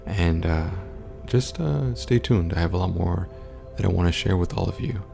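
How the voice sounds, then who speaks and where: A man talking low and quietly, as in a sleeping house at night, in a monotone, stoic way for a casual vlog update. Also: normal speed, vocal fry, faint music behind. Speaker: content creator.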